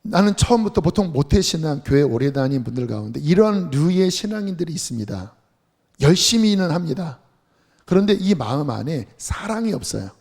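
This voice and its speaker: A man preaching a sermon as pastor, lively and earnest, sometimes dropping to a whisper. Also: a little high, a little fast, vocal fry. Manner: animated preaching, drops to soft whispers for prayers. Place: church sanctuary.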